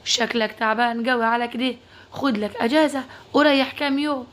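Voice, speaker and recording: A woman's voice: on the high side, fairly quick, a bit bright, lightly acted. Woman playing a teasing young cousin. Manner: teasing banter.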